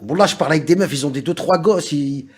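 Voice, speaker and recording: A male livestream host with a French suburban street accent. He talks very quickly in casual street slang full of oaths, and his fairly high voice has a husky grain. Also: a little mellow. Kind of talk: casual livestream group chat.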